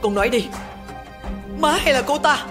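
A woman's voice: mid-range voice, animated, fast talker, music in the background, natural voice. A middle-aged woman playing a distraught mother in a TV drama, speaking in an anguished, commanding way. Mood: desperate. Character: distraught mother threatening her own life. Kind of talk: TV drama acting.

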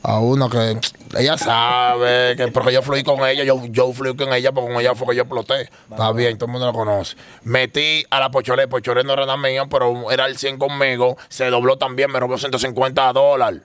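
Fast-talking man telling stories. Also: medium pitch, flat delivery, a bit bright, clear, resonant tone. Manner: rapid, rambling storytelling with slang. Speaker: interview guest. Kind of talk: casual street slang interview.

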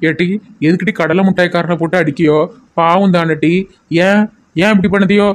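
A woman's voice: on the low side, steady tone, a little fast, natural voice. A woman voicing a confused, cranky old village grandmother who scolds in rustic dialect. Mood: scolding.

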